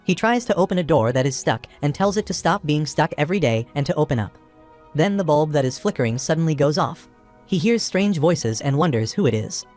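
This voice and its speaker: A man narrating a comic recap in a steady, even storytelling voice. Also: fairly high pitch. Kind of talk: scripted narration. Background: background music.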